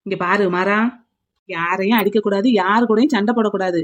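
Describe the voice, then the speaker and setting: A woman's voice: mid-range voice, steady tone, fairly quick. A woman speaking as a mother in a cartoon, recounting what happened and advising her son. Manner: plain storytelling. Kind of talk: cartoon dialogue.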